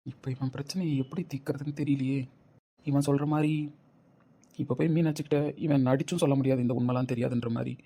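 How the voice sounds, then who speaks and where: A man's voice: medium pitch, fairly even intonation, fast talker, mellow, natural voice. A man voicing a young male friend who questions and reassures his friend. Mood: pondering.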